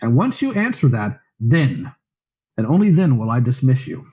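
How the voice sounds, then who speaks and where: A man's voice: mid-range voice, big pitch swings, moderate pace, dark tone. A man moderating a heated voice call, confrontational and scolding. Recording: dull lo-fi voice chat audio.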